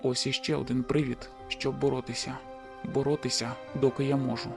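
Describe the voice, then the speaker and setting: A cocky young man in love, voiced by a woman narrator, speaking low, insistent and a little teasing. The voice sits well below her own and carries a different tone, as in a storybook reading. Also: fairly quick, music in the background, close to an everyday voice. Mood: earnest.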